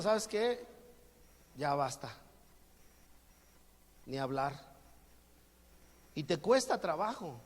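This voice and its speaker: High-voiced Mexican pastor in a reverberant hall. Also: male voice. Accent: Mexican Spanish. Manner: jokey, acts out everyday exchanges. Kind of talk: sermon.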